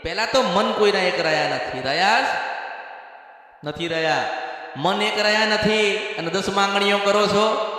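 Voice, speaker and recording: A man's voice: high-pitched, measured pace, sharp tone. A man giving a devotional sermon in the goddess's voice, emphatic, repeating phrases and asking and answering himself. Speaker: spiritual leader of a goddess shrine. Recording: very echoey hall with long reverb.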